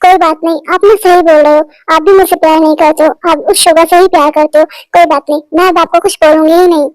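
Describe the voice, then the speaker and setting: A woman's voice: extremely high pitch, steady tone, fast talker, dry recording, rough recording. A woman voicing a stubborn, irritable young woman in an amateur fan dub, sulky and complaining. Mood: annoyed.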